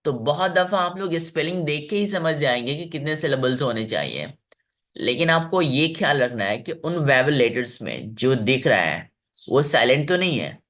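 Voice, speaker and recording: A male English teacher leads an online class for children, cheering on his students and slowly stretching out words so they can hear each sound. His voice rises and falls a great deal as he explains. He sounds like a young adult. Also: fairly high pitch, very animated, fairly bright tone. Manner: encouraging, drawn-out word demonstrations.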